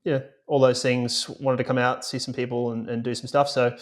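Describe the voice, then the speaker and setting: A man's voice: medium pitch, flat delivery, brisk. A man co-hosting and producing a podcast, chatting casually and telling rambling stories with many fillers. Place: remote, recording away from home.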